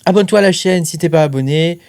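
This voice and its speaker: A man hosting a crypto mining channel explains things casually to camera, chatty and filler-heavy, tacking a tag question like "hein" onto almost every phrase. His voice is a little high, fast, slightly mellow and clean, recorded in studio quality with no room sound.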